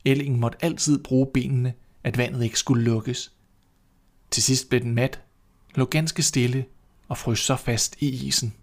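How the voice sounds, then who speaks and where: A man narrating a storybook in a calm, measured, expressive reading. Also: medium pitch.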